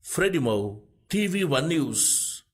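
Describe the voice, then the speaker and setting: A male reporter reading a scripted news report in a measured, formal way. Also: fairly high pitch, sing-song, rough recording.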